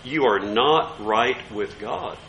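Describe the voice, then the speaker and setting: Slow, bright-voiced male preacher. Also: medium pitch, vocal fry, reverberant, a little hiss or hum, rough recording. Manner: earnest, slow and emphatic, leans on key words. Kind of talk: sermon.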